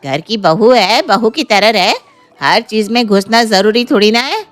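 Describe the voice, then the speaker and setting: A woman's voice: medium pitch, a little slow, faint music behind, lightly acted. A woman voicing a doting, bossy mother who dismisses her daughter-in-law in a cartoon story. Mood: dismissive.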